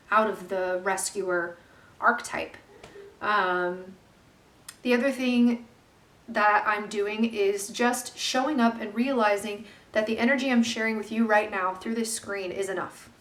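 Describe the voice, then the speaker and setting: Earnest woman, roomy distant sound. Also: medium pitch. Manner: earnest, gentle, many pauses and fillers. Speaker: vlogger and life coach. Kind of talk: reflective self-help monologue. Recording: echoey room, voice off-mic.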